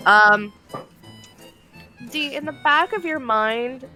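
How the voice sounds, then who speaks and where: A woman narrating a tabletop role-playing game as game master in a casual, halting way. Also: high voice, bright, forceful tone, soft background music.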